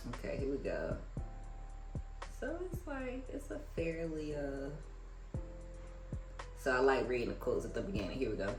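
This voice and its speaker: This clip has poor audio and an echoey room. The mid-range voice belongs to an American host of a read-aloud who reads books and reviews them, chatting casually between passages.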